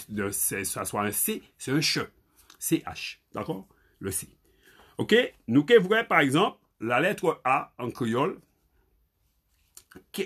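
Husky man teaching spelling, lively pitch. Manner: halting, repeats words, spells letters aloud. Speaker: Creole language teacher. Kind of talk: spoken spelling lesson.

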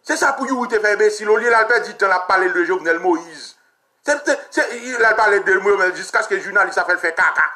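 A man's voice: animated, fairly quick, sharp tone. A Haitian man hosting a talk radio show, giving heated political commentary with emphatic repetition and swearing. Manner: emphatic, repetitive, swears, pitch jumps when ranting.

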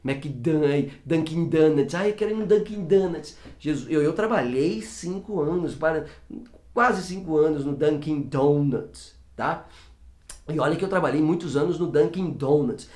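A man's voice: on the high side, measured pace, a little mellow. A man teaching English pronunciation in a casual video lesson, chatty and repeating example words to demonstrate sounds. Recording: roomy echo.

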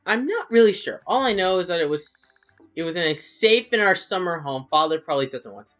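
A man's voice: high-pitched, expressive, a little fast, fairly bright tone, soft background music, pitched above the performer's own voice. A man putting on a posh scheming British schoolboy. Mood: smug scheming. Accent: put-on British. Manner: prim, clipped, mock-genteel phrasing.

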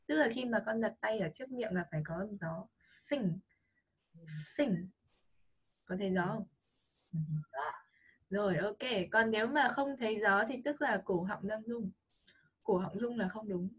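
Breathy Vietnamese woman teaching pronunciation. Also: a little high. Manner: patient, coaching, models sounds repeatedly. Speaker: English teacher. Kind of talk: online pronunciation lesson for a child.

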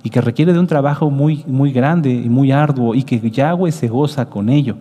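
A man's voice: mid-range voice, dark tone. Man preaching a sermon in a reverberant hall. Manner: teaching slowly, checking with listeners with a rising "¿sí?". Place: congregation hall with a booth of branches.

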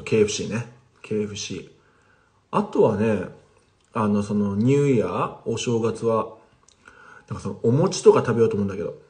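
A man's voice: fairly low pitch, a little mellow. A man teaching casually on a livestream, chatting with viewers and replying to their comments. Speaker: language teacher streaming live.

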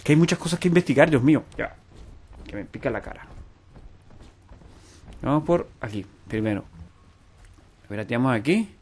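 A man commenting loudly while playing a game, with panicked repetition and swearing. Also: mid-range voice, expressive, moderate pace, pauses often, husky. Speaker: gamer streamer. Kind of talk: let's play commentary.

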